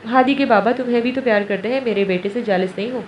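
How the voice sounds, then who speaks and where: A woman narrator voicing an indulgent father who speaks tenderly and teases gently, recorded distant in a roomy space. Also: very high-pitched. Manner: tender, coaxing. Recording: roomy, distant, dull, faint hiss.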